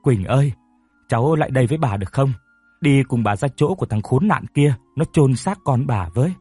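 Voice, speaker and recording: A man voicing a grieving elderly mother who is stern and broken, speaking slowly with bitter pleading. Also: medium pitch, animated, a little mellow, breathy edge, no echo, soft background music.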